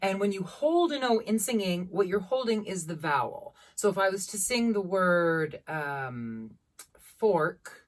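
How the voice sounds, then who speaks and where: A woman voice teacher leading a singing warm-up, demonstrating each exercise by singing and then explaining it plainly. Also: mid-range voice, big pitch swings, unhurried, far from the mic. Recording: loud piano under the voice. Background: piano accompaniment.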